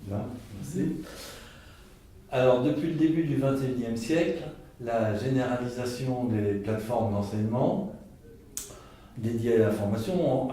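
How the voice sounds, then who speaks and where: A man interviewing guests, asking formal questions in a measured way. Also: mid-range voice, warm tone. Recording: echoey room, distant mic, faint noise.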